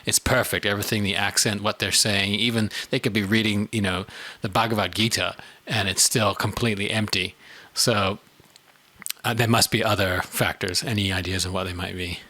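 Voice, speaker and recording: A man's voice: on the low side, fairly even intonation, normal speed, pushed and bright, no room sound. A South African man co-hosting a casual studio podcast, talking in a thoughtful, rambling way full of "you know"s. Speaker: podcast co-host.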